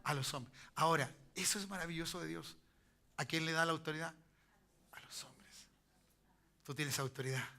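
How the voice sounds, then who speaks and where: A man's voice: fairly high pitch, quick pace, creaky, sharp tone. A man preaching a sermon as pastor, in Chilean Spanish, talking conversationally and asking the congregation to repeat after him. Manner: conversational preaching, frequent "¿me entiendes?" and call-and-response.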